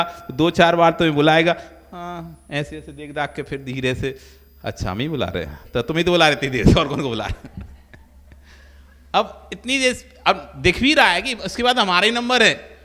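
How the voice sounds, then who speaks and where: Male monk preacher, bright forceful tone, storytelling sermon, echoing hall. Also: fairly high pitch. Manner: storytelling with acted-out quoted voices. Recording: long hall reverb.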